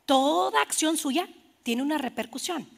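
A woman pastor preaching a sermon in church, animated and playful, acting out little scenes for the congregation. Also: high-pitched, a little slow, gravelly.

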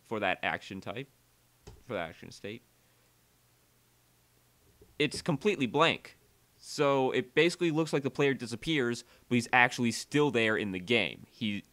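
In a mid-range voice, a man presents a laid-back software tutorial as a conversational voice-over. His energy is uneven, and he leans on the key words.

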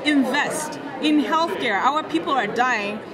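A woman's voice: high voice, expressive, unhurried. A woman interviewed in a convention hall, speaking earnestly and urgently. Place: busy indoor convention hall. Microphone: handheld mic held to her. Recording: loud crowd behind.

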